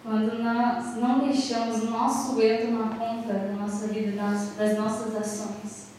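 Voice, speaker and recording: A young woman gives an earnest testimony at a church prayer service, slipping into the prayers and conversations she recalls. Her voice sits a little high and carries from a distance. The sound rings with long reverb off a large hall, with faint noise underneath. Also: flat delivery, measured pace, darkish tone. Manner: earnest, retelling dialogue with prayerful pleas. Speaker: church sister giving testimony.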